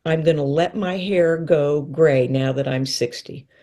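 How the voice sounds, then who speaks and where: A woman in her sixties, a guest in a casual interview, telling stories and acting out quoted lines with big jumps in her voice. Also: unhurried. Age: 60s. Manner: lively storyteller, acts out quotes with pitch leaps.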